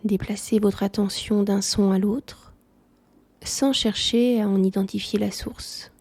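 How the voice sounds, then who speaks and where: Soft husky woman guiding relaxation. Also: mid-range voice, unhurried. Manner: calm, soothing, softly spoken. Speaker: yoga nidra instructor. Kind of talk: guided relaxation meditation.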